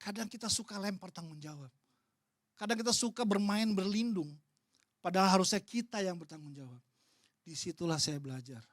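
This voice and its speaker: Animated high-voiced preacher man. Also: fairly quick, dry recording, studio quality. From Indonesia. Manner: animated storyteller, acts out both sides of a dialogue, swings from loud to hushed. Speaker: pastor. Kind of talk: sermon with acted-out stories. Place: church hall.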